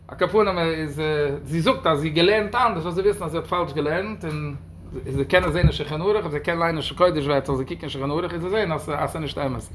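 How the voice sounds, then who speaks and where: A man with a somewhat high voice leads a question-and-answer religious lesson as a rabbi. He reads each listener's question aloud, then explains the answer at length, moving between English and Yiddish phrases. A faint background hiss sits under his voice. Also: a bit bright.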